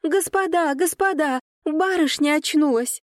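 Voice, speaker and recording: An excitable young serving girl with a ringing, high voice fusses in an audiobook, as a woman reader puts her on. The tone stays soft and mellow beneath the chirp. The sound is dry and close. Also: brisk, no room sound, lightly acted. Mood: excited.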